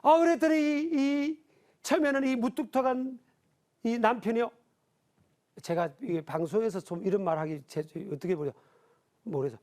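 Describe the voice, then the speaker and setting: A man's voice: extremely high pitch, normal speed, long pauses, darkish tone. A middle-aged man from the Gyeongsang region, a pastor teaching a televised Bible lesson, who asks his audience questions and answers them himself. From Gyeongsang region, South Korea.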